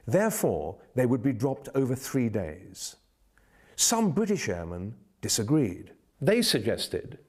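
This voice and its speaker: Animated male documentary narrator. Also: medium pitch. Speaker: documentary presenter.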